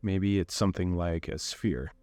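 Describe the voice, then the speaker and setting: With no room sound at all, a low-voiced man leads a guided meditation. His pace is relaxed and unhurried, with soft instructions and lengthy pauses between them.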